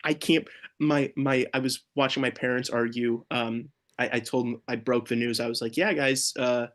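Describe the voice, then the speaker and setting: A man's voice: medium pitch, flat delivery, moderate pace. A young man co-hosting a late-night sports podcast, ranting in an exasperated, sweary, casual way. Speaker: podcast co-host.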